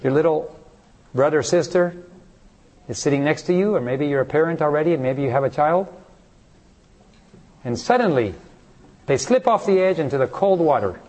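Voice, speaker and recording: A man's voice: a little high, expressive, moderate pace, long pauses, a little mellow. A man preaching a sermon who keeps asking the congregation rhetorical questions and briefly acts out the people in his stories. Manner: acts out short voices in stories.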